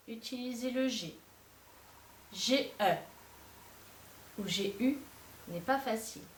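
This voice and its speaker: Woman teacher, fairly high voice, slow deliberate dictation, echoey room, mic at a distance. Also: slight background noise. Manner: slow, clear dictation, pausing between syllables. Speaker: primary school teacher. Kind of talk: dictation lesson for young pupils.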